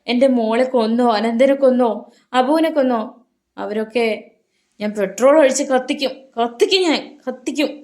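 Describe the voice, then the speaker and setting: A woman voicing a frantic old village mother, wailing in high, loud grief. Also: steady tone, moderate pace, lightly acted. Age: older.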